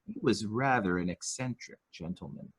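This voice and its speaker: A man with a fairly low, breathy-edged voice reads at a moderate pace with lively intonation. He plays a deferential male nurse-attendant to a rich invalid in a murder mystery, sounding nervously formal, hesitant, obsequious and primly servile.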